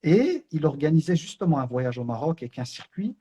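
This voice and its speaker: A man's voice: a little high, big pitch swings, a little fast, mellow, breathy edge. A middle-aged man from Brussels, sharing an earnest personal spiritual reminder in a conversational storytelling way, full of fillers. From Belgium, Brussels. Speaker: online Islamic teacher.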